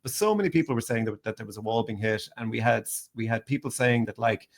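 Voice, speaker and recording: A man's voice: mid-range voice, fast. A man co-hosting a podcast who argues skeptically and thoughtfully and often laughs mid-sentence. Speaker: podcast co-host. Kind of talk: casual podcast debate.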